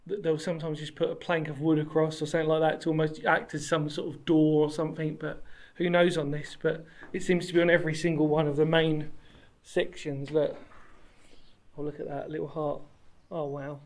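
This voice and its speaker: This walking vlog comes from a man in his thirties, a history explorer with a somewhat higher voice, who points a handheld camera at himself from arm's length in a sandstone cave and the surrounding woods. He speaks fairly quickly in a level tone, rambling cheerfully, stopping to correct himself, and plainly delighting in the setting.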